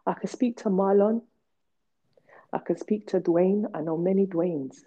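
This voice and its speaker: Her voice is medium-pitched and mellow, with a measured pace, as this podcast host opens up about her own life. She speaks bluntly and emphatically, using repetition for stress, and the audio quality is dull and lo-fi.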